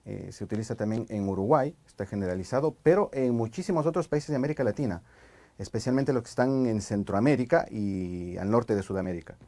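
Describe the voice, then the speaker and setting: A Spanish teacher from Ecuador, speaking with a highland Ecuadorian accent, chats casually on a podcast. His tone is dark and his pace brisk, yet he comes across as thoughtful and hesitant, using lots of fillers.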